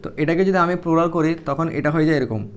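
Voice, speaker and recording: A young man explains grammar in a relaxed teaching style, pausing to think and restarting his sentences as he writes. His voice sits a little high for a man. A faint hiss runs underneath. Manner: thinks aloud with many fillers and restarts while writing. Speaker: Arabic teacher. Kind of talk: casual explanatory lesson.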